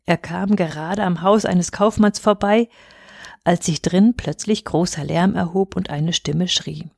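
A woman reading a folk tale aloud in even, clear storytelling narration. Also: on the low side, unhurried, no echo, clean studio sound. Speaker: reader.

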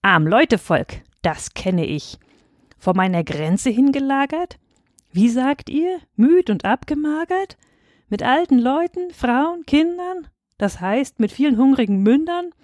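A woman voicing an angry, stingy male king in a rhyming Bible story, indignant and shooting up in pitch. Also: normal speed, dark tone, no echo, clean studio sound, close to an everyday voice. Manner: indignant, rising to high outrage.

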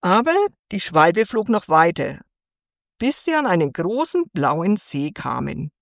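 A woman reads a fairy tale aloud for children, unhurried and gentle. Her pitch rises and falls with lively expression, and her voice sits a little low. The sound is dry and close. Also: creaky, no echo. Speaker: storyteller.

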